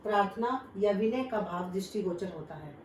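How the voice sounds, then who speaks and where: A woman's voice: medium pitch, expressive, normal speed, a little hiss or hum. A woman teaching Hindi grammar to children, patiently explaining each point with examples. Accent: Indian Hindi. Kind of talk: classroom grammar lesson. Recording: roomy echo, voice from a distance.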